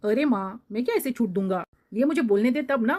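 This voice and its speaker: A woman voicing a meek grown son in a cartoon, lowering her voice to play a man. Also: expressive, fairly quick, a little mellow.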